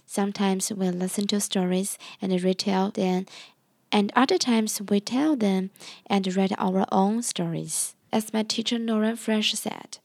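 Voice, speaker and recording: A woman who is an English language student, reading a scripted narration in a careful, measured way. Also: medium pitch, fairly even intonation, creaky, a little mellow.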